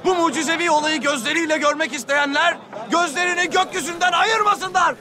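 An actor playing an excited Ottoman inventor, proclaiming loudly like a town crier in a period drama. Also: very high voice, a little fast, over music, crowd noise. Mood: elated, proclaiming. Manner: loud, declamatory public announcing.

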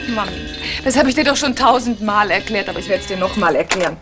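An actress playing a lively, bossy young woman in a 1960s TV series, teasing and brisk. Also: medium pitch, music in the background, lightly acted. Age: young adult.

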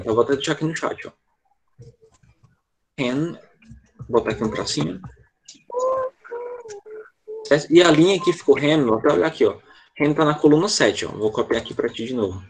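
A man's voice: fairly high pitch, a little hiss or hum. A man teaching an online English lesson to children, patient and constantly checking in with short questions. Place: online class over a video call.

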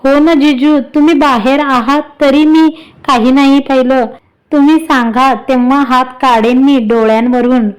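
A woman's voice: high voice, fairly even intonation, moderate pace, clean tone, natural voice, poor audio. A woman voicing a cheeky, playful teenage younger sister in a read-aloud story. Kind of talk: storybook reading.

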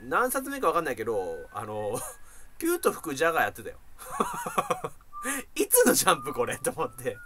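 A man live streaming and telling a story in a rough, joking, casual way, laughing a lot as he talks. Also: a little high, wildly swooping pitch, normal speed, background noise.

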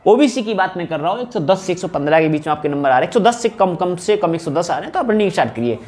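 Speaking as a coaching teacher, a man delivers an informal lecture to camera analyzing an exam, frequently repeating phrases to stress them. His voice is high-pitched, expressive, and darkish in tone, and he talks at a racing pace. He stands at a whiteboard in a small indoor room, recorded on a wired lapel mic.

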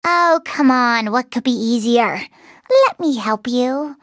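A woman's voice: a little high, lively intonation, slow pace, a bit bright, no room sound, studio quality. A woman voicing a playful, carefree young cookie train conductor in a video game, with a cutesy, breezy delivery. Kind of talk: video game cutscene voice acting.

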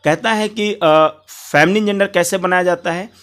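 A man's voice: sits high, moderate pace, fairly bright tone. A man teaching English grammar in Hindi. He repeats each point, spells words out letter by letter, and calls his viewers friends.

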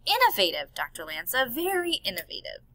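A woman's voice: fairly high pitch, wildly swooping pitch, brisk, pushed and bright, no room sound, exaggerated voice. A woman voicing a sarcastic, scheming male ivory poacher in an audiobook. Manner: sarcastic, amused, smooth-talking.

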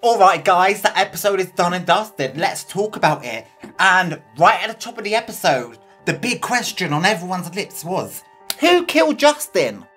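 A woman's voice: lowish voice, normal speed, breathy edge, faint music behind. Chatty British woman reviewing an episode. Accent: British English. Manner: chatty, expressive, swears freely. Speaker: reaction video host.

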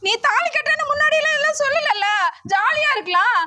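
A woman playing a shrill, protesting married mother. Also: animated, fast talker, bright, forceful tone, no echo, heavily acted. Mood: angry. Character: married mother refusing a former admirer. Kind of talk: short social drama skit.

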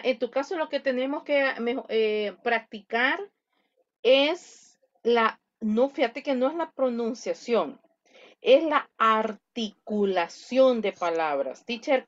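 A woman teaching an English class over a video call, coaching her students affectionately and explaining patiently. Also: a little high. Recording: muffled video call audio.

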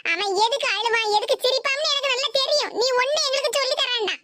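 A woman with a Tirunelveli Tamil accent voicing an older mother and grandmother in an animated cartoon comedy, in a lower, steady and firm voice. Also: fast talker, dry recording, clean studio sound. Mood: angry.

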